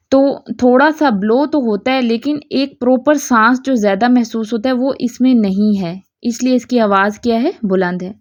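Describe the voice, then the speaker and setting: A woman's voice: on the high side, dry recording. Patient woman teaching recitation, dry lo-fi sound. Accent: Pakistani Urdu. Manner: patient, drawn-out model syllables, frequent "theek hai?" checks. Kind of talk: tajweed pronunciation lesson.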